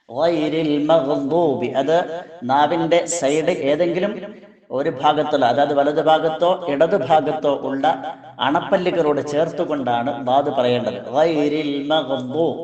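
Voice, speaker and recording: A man with a Kerala Malayalam accent teaching Quran recitation, explaining sounds slowly and chanting verses in a drawn-out melody. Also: fairly high pitch, a little mellow, reverberant, muffled recording. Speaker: Islamic teacher.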